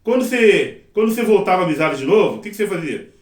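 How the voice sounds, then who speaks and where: High-voiced man teaching a class. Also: racing. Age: middle-aged. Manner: lively, acts out examples and quotes. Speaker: sign language interpreting teacher. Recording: echoey room, mic at a distance.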